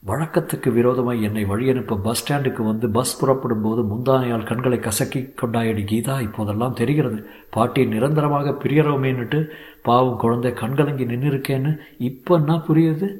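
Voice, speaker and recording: A man's voice: mid-range voice, fairly quick, darkish tone, natural voice. A man voicing a grieving old grandmother. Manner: pleading and scolding, tearful.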